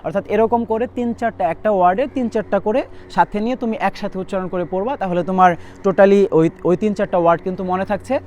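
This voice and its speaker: Man, young adult, English tutor, rapid drilling of vocabulary lists, high-pitched. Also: fairly even intonation, darkish tone, slight background noise. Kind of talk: admission test vocabulary lesson.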